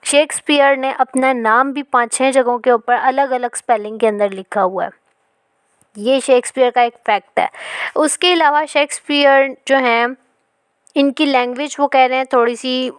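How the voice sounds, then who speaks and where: A woman teaching a literature lesson. She explains in Hindi, reads English passages slowly, and often checks in with "ठीक है". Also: high-pitched, steady tone, clear, resonant tone, dry recording.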